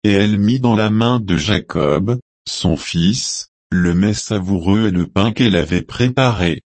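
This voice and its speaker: A man reading scripture aloud in a slow, solemn manner. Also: fairly low pitch, darkish tone, dry recording. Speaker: scripture reader.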